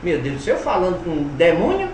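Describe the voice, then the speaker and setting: A man from Alagoas gives a spiritist lecture, telling personal stories with humor and sudden swings between loud and soft. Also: high-pitched, fast, a little hiss or hum. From Alagoas, Brazil. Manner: animated, humorous storyteller with dramatic swings in loudness. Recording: roomy hall, voice from a distance, faint ambience.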